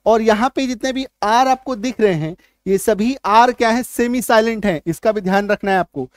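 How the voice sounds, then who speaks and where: A man's voice: high voice, normal speed, no room sound, clean studio sound. A man teaching an English spelling and pronunciation lesson, repeating key words and quizzing the viewer.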